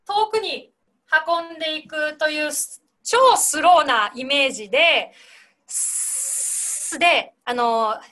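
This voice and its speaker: A woman leads an online singing class over a video call. Her voice is high and bright. She explains gently and demonstrates each breath and consonant sound herself. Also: measured pace. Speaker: singing teacher.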